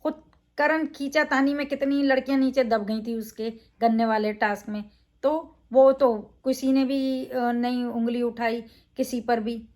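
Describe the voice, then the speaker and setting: A woman's voice: fairly high pitch, fairly even intonation, a little slow, a little mellow. A woman reviewing a reality show in a casual, opinionated way, emphatic, with frequent fillers.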